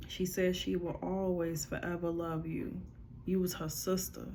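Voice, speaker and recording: Low, gravelly-voiced woman medium. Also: flat delivery, a little slow, dark tone, a little hiss or hum. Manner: relays messages with repeated "she said", conversational and informal. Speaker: spiritual medium giving readings. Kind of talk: casual channeling monologue.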